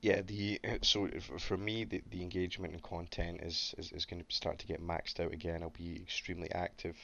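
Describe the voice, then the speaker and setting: A man's voice: sits low, level tone, brisk, vocal fry, fairly bright tone, muffled recording. A man hosting a casual crypto Q&A, rambling with many stammered restarts and a slight cough. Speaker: crypto AMA host. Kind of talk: casual live Q&A chat.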